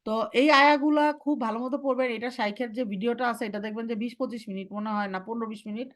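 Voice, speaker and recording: Young woman, recitation teacher, slightly high-pitched, firm, instructive, slow demonstrations. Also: fairly even intonation. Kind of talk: online class instruction.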